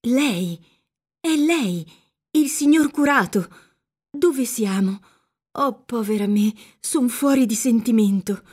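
A woman's voice: a little high, sing-song, a little slow, warm tone, husky, voice pushed up, heavily acted. A woman voicing a frightened young female captive who speaks in a trembling, urgent way. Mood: fearful.

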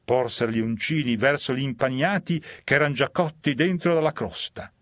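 A man reading medieval verse aloud in a measured, dramatic recitation. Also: mid-range voice, dry recording, studio quality. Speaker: reader.

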